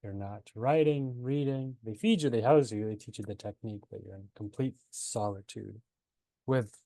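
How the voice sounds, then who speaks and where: Born in Nepal and raised in Canada from age seven, a breathwork teacher in his twenties recounts his personal story in a conversational interview. He talks at a moderate pace in a lowish, warm voice with vocal fry, captured in a dry recording.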